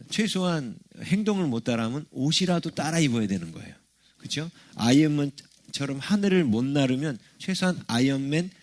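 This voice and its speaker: A middle-aged male pastor preaching a sermon in a conversational way, often checking in with the congregation through rhetorical questions. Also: medium pitch. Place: church sanctuary.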